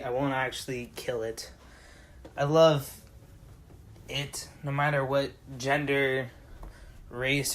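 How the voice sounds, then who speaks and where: A young man delivering a profane, deliberately dark comedic rant to camera, exaggerated and complaining. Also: mid-range voice. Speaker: vlogger.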